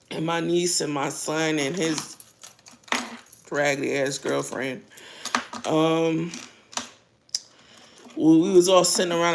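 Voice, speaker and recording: A woman's voice: on the low side, gravelly, noisy background. A middle-aged American woman chatting casually and bluntly in a rambling vlog while she eats, her mouth sometimes full. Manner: blunt, earthy. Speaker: vlogger.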